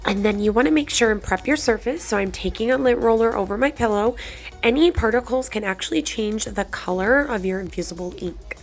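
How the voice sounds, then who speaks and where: A woman with a breathy, slightly congested voice from a cold, narrating a craft tutorial in a chatty, encouraging way. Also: on the high side, fairly quick. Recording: background music under the voice. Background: music.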